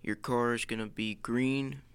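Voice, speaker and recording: A man's voice: medium pitch, steady tone, measured pace, a bit bright. A man co-hosting a podcast in upbeat casual chat. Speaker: podcast co-host.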